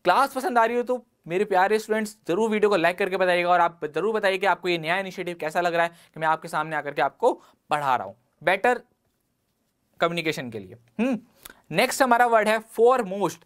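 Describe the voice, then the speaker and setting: A man's voice: high voice, animated, a little fast, a bit bright, clear, resonant tone. Indian man teaching vocabulary. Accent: Indian English. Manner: explains words with everyday examples and rhetorical questions. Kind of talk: online exam-prep lesson.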